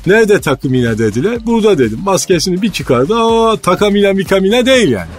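A blustering club president. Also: male voice, high-pitched, big pitch swings, quick pace, soft background music. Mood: rambling. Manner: rambling boastful storytelling, ranting insults. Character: blustering male football club president, boastful and hot-tempered. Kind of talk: radio comedy sketch.

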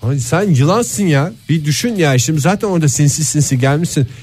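A man's voice: fairly high pitch, lively intonation, darkish tone, husky, soft background music. Quipping man with a bouncy voice. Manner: quick witty quips. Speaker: podcast co-host. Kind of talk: comedic podcast chat.

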